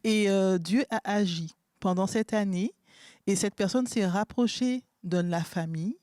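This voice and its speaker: A woman guest sharing a testimony about prayer in an earnest, steady way. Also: mid-range voice, measured pace, dry recording, studio quality.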